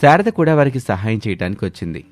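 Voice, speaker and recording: A man's voice: on the low side, quick pace, dry recording. Man narrating a cartoon story. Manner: steady, plain telling.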